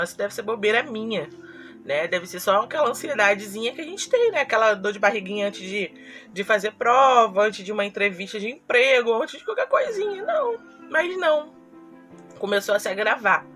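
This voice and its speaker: A young woman with a bright, clear voice speaks earnestly to her viewers in a personal confessional vlog. She tells her story and acts out the things she said to herself, with soft music playing faintly behind her. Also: medium pitch. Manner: earnest, storytelling with acted-out quotes. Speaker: YouTuber.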